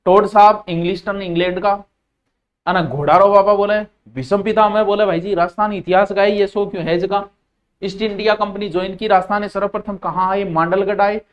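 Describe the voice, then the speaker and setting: Rajasthani accent, high-voiced male teacher. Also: steady tone, fairly quick, highs cut off. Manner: drills key terms by repetition, mixes in Rajasthani words. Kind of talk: live online exam-prep class.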